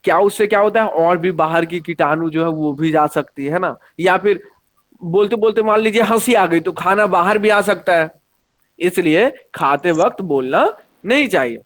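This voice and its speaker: A man teaching an online science class, lively and often checking that the students follow. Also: high-pitched, moderate pace.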